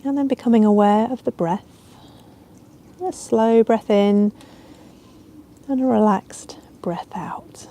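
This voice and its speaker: With a slightly high voice, a woman leads a yoga nidra guided relaxation, her tone gentle, calm, and unhurried. Ambient sound surrounds her, and there is slight background noise.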